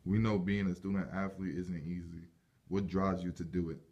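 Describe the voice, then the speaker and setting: A man's voice: sits low, level tone, moderate pace, darkish tone, muffled recording. A man reading out prepared questions as an interviewer.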